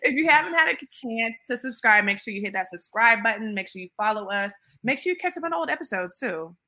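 Bright-voiced woman hosting a podcast. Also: on the high side, lively intonation, brisk. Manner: chatty, ribbing, with filler words. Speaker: podcast host. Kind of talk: casual chat.

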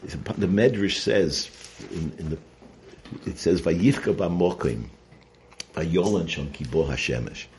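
Low-voiced man giving Torah lecture. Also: a little mellow, a little hiss or hum. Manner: conversational, halting, repeats phrases, rhetorical check-ins. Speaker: rabbi giving a Torah lesson. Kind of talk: informal sermon, Torah lecture.

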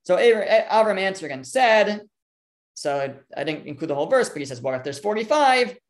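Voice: medium pitch, lively intonation, brisk, rough recording. A teacher leading a text study lesson, talking in a conversational way and reading verses aloud with frequent fillers. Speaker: Torah class teacher.

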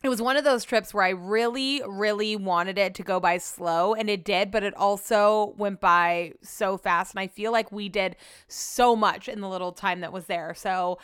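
On her podcast, a young American host tells stories casually with lots of slang, lively quoting both herself and other people. She has a mid-range, smooth, fairly bright voice with fairly even intonation, a moderate pace and a slight slushy lisp on her s's; the studio-quality audio has no room sound.

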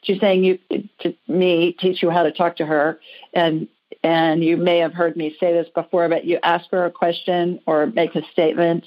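This host of a call-in psychic show is an American-accented woman whose voice is on the low side, level in tone, and moderately paced. She gives conversational readings in a chatty, informal, reassuring manner, recorded as dull lo-fi audio.

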